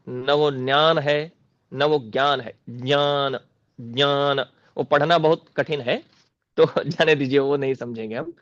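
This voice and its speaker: Man slowly explaining scripture, dull recording. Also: a little high, creaky, fairly bright tone, no room sound. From North India. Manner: slow, deliberate explaining, repeats Sanskrit words aloud. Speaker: spiritual teacher. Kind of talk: scripture commentary lecture.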